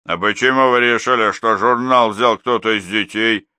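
Loud, mocking stout major, booming and sure of himself, read by a man. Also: fairly even intonation, moderate pace, clear, resonant tone, no echo, studio quality. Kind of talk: audiobook character voice.

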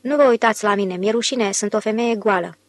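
Woman doing a shrill panicked madman. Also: dry recording. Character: mustached man insisting he is a naked woman.

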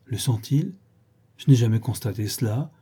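A man's voice: medium pitch, normal speed, dark tone, husky, natural voice. A man reading an audiobook and voicing an earnest, innocent seventeen-year-old girl.

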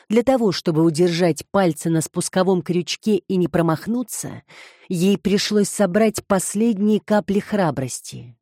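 A woman reading a novel aloud in a calm, measured way. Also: lowish voice, no room sound, clean studio sound. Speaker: audiobook narrator. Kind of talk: scripted audiobook narration.

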